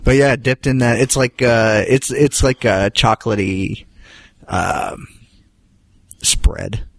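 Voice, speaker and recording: A man's voice: medium pitch, steady tone, slow, creaky, a bit bright, no room sound. A man co-hosting a podcast in casual chat, laid-back and rambling, with self-deprecating jokes and casual swearing. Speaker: podcast co-host.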